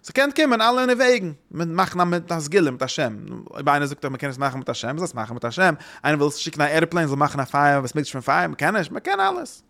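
A man giving an informal religious talk, rambling and halting, often repeating his phrases. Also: fairly high pitch, sing-song, creaky, bright, forceful tone.

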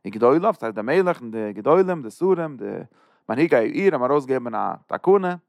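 Male teacher, mid-pitched, dry sound. Steady verse-by-verse explanation with lots of rephrasing. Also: fairly quick, gravelly, dry recording. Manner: explains each verse, repeats and rephrases terms. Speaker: Bible teacher. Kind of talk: verse-by-verse scripture lesson.

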